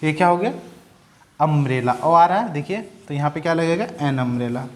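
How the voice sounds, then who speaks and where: A young man teaching a grammar lesson, who asks questions and answers them himself and sounds words out slowly. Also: on the high side, lively intonation. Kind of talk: Hindi-medium English grammar lesson.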